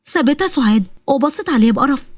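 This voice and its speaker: A woman with an Egyptian accent narrating a family story in a brisk, lively way. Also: sits high, no room sound. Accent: Egyptian Arabic.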